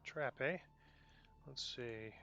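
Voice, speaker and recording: A man's voice: mid-range voice, extremely slow, creaky, lo-fi sound, heavy background noise. A man giving casual gameplay commentary, thinking aloud in a self-deprecating way. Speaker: gamer narrating own gameplay.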